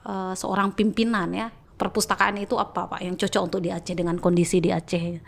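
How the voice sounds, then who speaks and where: Perempuan pewawancara yang banyak bertanya. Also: female voice, mid-range voice, flat delivery, a little fast, gravelly. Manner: chatty, frequent affirming hums. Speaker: interview host. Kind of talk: conversational interview.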